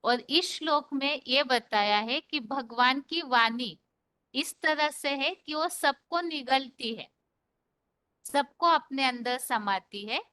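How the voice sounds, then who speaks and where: Bright, slow-speaking woman teacher. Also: high-pitched, smooth, no room sound. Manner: patient, explanatory, recites verses slowly. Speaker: Gita class teacher. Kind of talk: online scripture class.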